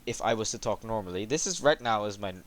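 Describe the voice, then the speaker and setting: In a lowish, monotone voice, a man hosts a casual chat about developing a game, his speech full of halting fillers.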